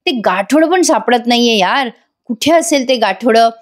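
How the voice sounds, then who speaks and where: A woman's voice: a little high, animated, normal speed, lightly acted. A woman voicing a puzzled young man who talks to himself while thinking something through. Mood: musing. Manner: musing, talking to himself.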